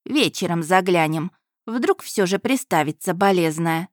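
Lady doing a cold calculating old noble mom, flat and unbothered, storybook villain. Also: on the low side, unhurried, dry recording, studio quality. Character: cold scheming older noble mother.

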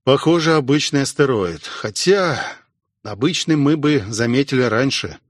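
A man voicing a gruff, wry veteran male station commander in an audiobook, talking in an unhurried way. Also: mid-range voice, animated, dry recording, studio quality, lightly acted. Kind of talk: audiobook character voice.

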